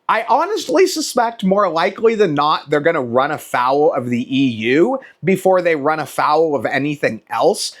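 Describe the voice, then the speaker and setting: A man giving a casual, off-the-cuff opinion rant in an exasperated, emphatic way, swearing casually and repeating words for emphasis. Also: on the high side. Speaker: video creator.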